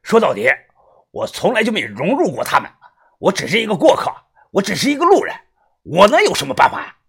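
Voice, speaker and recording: A man voicing a rough, foul-mouthed middle-aged man in an audiobook, who talks gravely in a lowered tone. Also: huge pitch swings, brisk, a bit bright, full character voice. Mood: angry. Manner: swearing, lowered grave tone when explaining. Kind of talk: audiobook character voice.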